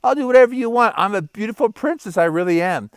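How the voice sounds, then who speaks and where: A man's voice: animated, quick pace, no echo. A man voicing a small talking frog who claims to be an enchanted princess and begs to be kissed. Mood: pleading. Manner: pleading, high squeaky calls.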